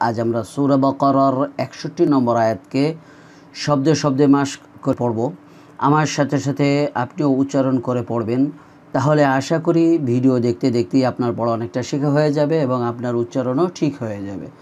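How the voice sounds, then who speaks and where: A man with a Bangladeshi Bengali accent teaching a word-by-word Quran recitation lesson. He explains pronunciation points, then recites the Arabic words slowly and drawn out. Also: mid-range voice, darkish tone, muffled recording, a little hiss or hum.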